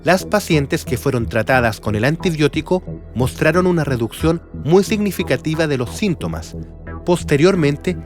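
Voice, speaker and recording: A man with a Chilean accent reads documentary narration in a measured, formal way. His voice sits a little high for a man. Faint music plays underneath.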